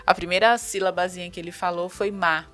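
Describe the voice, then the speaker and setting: A woman with a Brazilian Portuguese accent hosting an interview, agreeing warmly and asking leading questions. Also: fairly low pitch, little pitch movement, brisk. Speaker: host. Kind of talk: conversational interview.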